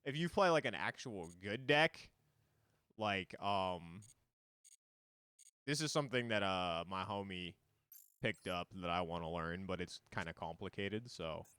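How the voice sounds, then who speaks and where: A man's voice: sits low, animated, measured pace, long pauses, bright, forceful tone, smooth, no echo, clean studio sound. A man streaming a card game, explaining it in loose, rambling casual talk full of fillers.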